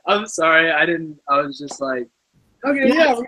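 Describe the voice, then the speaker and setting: Student guy, kinda husky but bright voice, chatty with lots of likes. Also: fairly high pitch, normal speed, low-quality recording. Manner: chatty, hedging with fillers. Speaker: student in study group. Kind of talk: casual group study chat.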